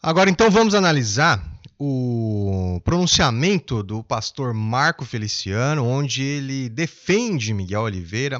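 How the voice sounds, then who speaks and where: Homem analista de fala calma e expressiva. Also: male voice, mid-range voice, dry recording, lo-fi sound. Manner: calm, measured, explanatory. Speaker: behavior analyst host. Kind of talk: commentary on video clips.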